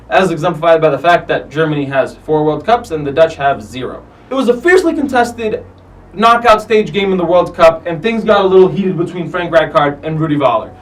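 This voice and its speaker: A man's voice: high voice, recorded from a distance, rough recording. A man hosting a soccer countdown show, commenting casually and animatedly on footage, swearing freely. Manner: animated, profane, acts out players' lines.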